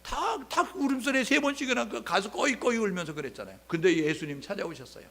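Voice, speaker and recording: A male pastor preaches a sermon in a high, fast, creaky voice. He tells Bible stories animatedly, acting out biblical scenes in dialogue and posing rhetorical questions to the congregation.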